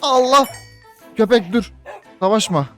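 A young man with a Turkish accent giving excitable Minecraft let's play commentary, often jumping up in pitch as he shouts at his dog. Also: a little slow. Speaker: gaming YouTuber. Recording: faint game music behind.

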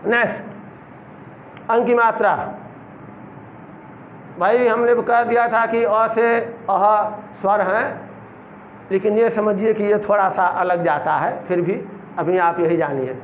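A middle-aged man leads a reading lesson, his voice set high and his words dragged out very slowly, one syllable at a time. The sound is thin and tinny like a phone line, with a faint hiss behind it. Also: fairly even intonation, echoey room. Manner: slow, drawn-out syllable-by-syllable spelling. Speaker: teacher.

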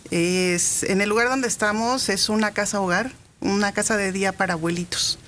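Soft-spoken Mexican woman in her fifties. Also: mid-range voice, fairly even intonation, moderate pace, a little hiss or hum. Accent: Mexican Spanish. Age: 50s. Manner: soft-spoken, hesitant with many fillers. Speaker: radio studio guest. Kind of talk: casual radio interview. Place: radio studio.

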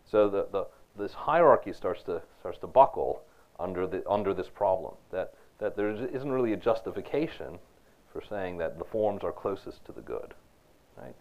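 A man lecturing on philosophy to students in a conversational way, often checking in with "right?" and asking them questions. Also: fairly low pitch. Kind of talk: university lecture. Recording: dull lo-fi lecture recording.

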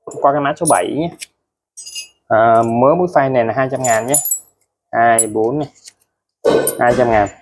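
A man's voice: mid-range voice, moderate pace, pauses often. A man walks through his used tools item by item, chatty and repetitive, restating each price. His voice sits in a middle register. A faint noise hums underneath. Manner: chatty, ends phrases with friendly particles. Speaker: used tool seller. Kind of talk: casual product showcase.

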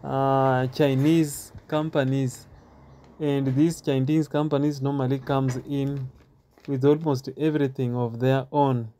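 A man giving a walking stadium tour outdoors, talking haltingly with many filler pauses and repeats, recorded on a handheld phone. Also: medium pitch, level tone, mellow. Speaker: tour guide.

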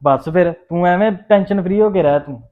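A man's voice: high voice, brisk, close to an everyday voice. A man playing a scheming, short-tempered husband who talks brusquely and keeps cutting in. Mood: wheedling. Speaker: husband on a phone call. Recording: phone-like narrow sound.

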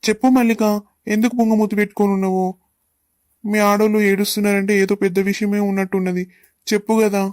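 A woman's voice: mid-range voice, flat delivery, quick pace, a little mellow, no echo, studio quality, natural voice. A woman playing a doting young husband who coaxes his wife in Telangana Telugu. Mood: coaxing. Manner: coaxing, affectionate, then indignant. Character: doting young husband, protective and quick-tempered.

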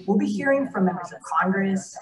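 A woman's voice: mid-range voice, expressive, brisk, a crowd in the background. A woman hosting a promotional video, reading an upbeat scripted welcome. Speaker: event host in a promo video. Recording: promo video with background music.

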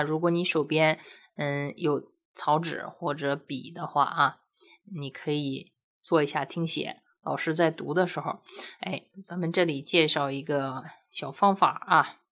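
Low-voiced woman teaching a language lesson. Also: fairly bright tone. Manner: patient, explains step by step with many rhetorical questions; drills syllables aloud slowly.

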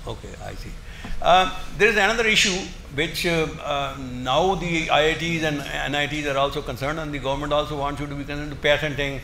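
An older man giving an academic lecture in a halting, emphatic way, often repeating his words. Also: a little high, bright, forceful tone. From India. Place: indoor lecture room, seated at a desk. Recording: roomy echo, faint background noise.

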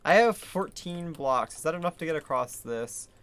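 A man's voice: fairly high pitch, expressive, moderate pace, a bit bright. A man of twenty-two streaming a video game, chatting casually and rambling with lots of fillers. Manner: rambling, filler-heavy, laughs easily. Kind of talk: casual gaming chat. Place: home room.

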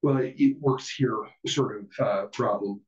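Halting man presenting in a roomy hall. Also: medium pitch, a little mellow. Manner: halting, filler-heavy, self-deprecating. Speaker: presenter at a user group meeting. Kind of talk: casual technical presentation. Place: meeting room with an audience. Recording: distant, roomy, dull room recording.

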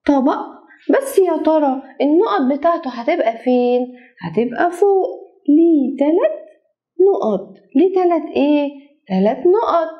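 A woman's voice: high voice, lively intonation, normal speed, dull audio. A woman with an Egyptian accent teaching kindergartners their letters, drawing out the sounds in a coaxing sing-song way. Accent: Egyptian Arabic. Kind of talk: children's phonics lesson.

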